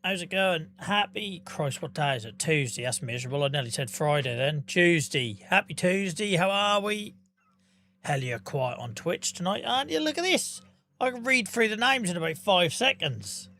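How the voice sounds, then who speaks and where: A man in his thirties talks into his desk mic during a live game stream. His voice sits a touch higher than most men's. He is chatty and jokey, with casual swearing and frequent laughs. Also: animated, moderate pace, bright, forceful tone. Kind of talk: casual live-stream chat while gaming.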